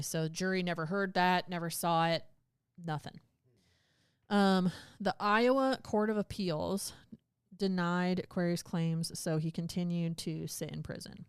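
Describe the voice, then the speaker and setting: Woman podcast cohost, lowish smooth voice, casual chatty explaining. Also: steady tone, moderate pace, dry recording, studio quality. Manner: chatty, retelling a legal case in plain words. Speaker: podcast co-host. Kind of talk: casual chat.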